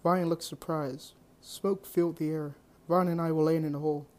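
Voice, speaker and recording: A young amateur narrator reading a first-person adventure story in a plain, halting read-aloud delivery. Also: mid-range voice, steady tone, darkish tone.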